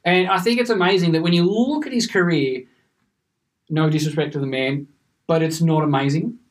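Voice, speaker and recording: An Australian man co-hosting a casual cricket podcast, talking in a rambling, animated way and laughing often. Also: fairly high pitch, moderate pace. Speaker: podcast co-host. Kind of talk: casual chat.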